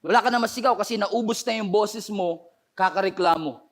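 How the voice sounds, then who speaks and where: A man preaching a fervent sermon in a high voice that has gone hoarse. He slides between Tagalog and English and pushes his delivery into emphatic bursts as he speaks to viewers online. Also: fairly quick. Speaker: pastor. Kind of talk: impassioned sermon.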